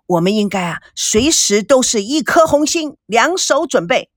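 A woman voicing a cheeky, joking young man who turns wistful, with a lively delivery in a dry recording. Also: a little high, moderate pace, no room sound. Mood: teasing. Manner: joking, cheeky, sometimes sighing.

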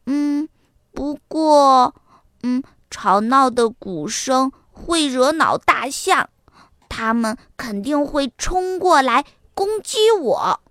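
A woman voicing a bold, eager little boy fox in a children's storybook reading, excited and boastful. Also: high-pitched, slow, no room sound, clean studio sound, full character voice.

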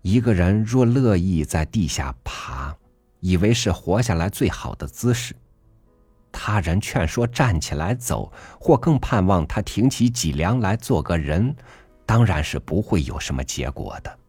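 A man reading a literary essay aloud for a podcast, measured and earnest, rising emphatically on rhetorical questions. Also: low voice, expressive, breathy edge, dry recording. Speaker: podcast reader. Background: soft background music.

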